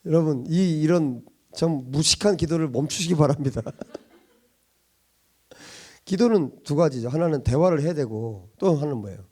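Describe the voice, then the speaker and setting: A man's voice: a little high, lively intonation, measured pace, long pauses, mellow. A middle-aged man pastor giving a sermon in a conversational style, chuckling often and asking many rhetorical questions.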